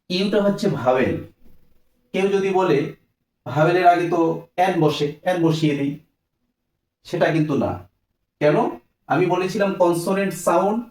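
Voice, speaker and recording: A man's voice: fairly high pitch, darkish tone, reverberant, distant mic. A man teaching a grammar lesson, asking questions and answering them himself.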